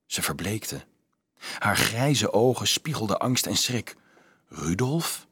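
A man reading a novel aloud as an audiobook narrator, expressive and shifting his voice for the characters. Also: fairly low pitch, slow pace, breathy edge, no echo.

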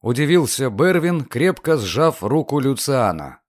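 Male audiobook reader; expressive, animated narration with a dry, close sound. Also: medium pitch, unhurried, no room sound. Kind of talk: scripted narration.

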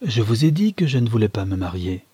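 A man's voice: fairly low pitch, sing-song, a little fast, dark tone, breathy edge, dry recording, full character voice. A man reading as a proud, honest young woman. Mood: restrained.

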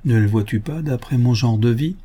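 A man playing a devoted older father who turns indignant and forceful when roused. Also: medium pitch, fairly quick, slightly rough, lightly acted. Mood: indulgent.

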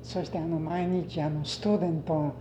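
A man's voice: fairly high pitch, level tone. Older Japanese dialect man, echoey recording. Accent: western Japanese dialect. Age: older, retired. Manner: halting, anecdotal, mixes in English words. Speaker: oral history interviewee. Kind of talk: reminiscing in conversation. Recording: echoey, muffled, noisy interview recording.

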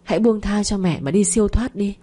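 A woman's voice: medium pitch, a little fast, mellow, husky, lightly acted. Woman doing a frightened pleading mother. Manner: pleading, panicked. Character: guilt-ridden middle-aged mother, frightened.

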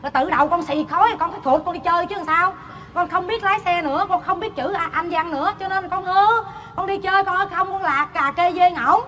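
A chatty, defiant daughter-in-law. She rattles off complaints at a fast clip in a high, bright voice. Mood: complaining. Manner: complaining, rapid-fire. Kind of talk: stage comedy sketch.

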